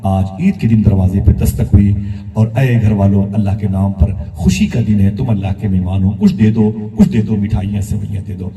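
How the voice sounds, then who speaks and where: A man's voice: fairly low pitch, normal speed, warm tone, natural voice. A man voicing a grieving young wife recounting her story in a pleading way, inside a sermon. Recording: echoey hall, voice far from mic.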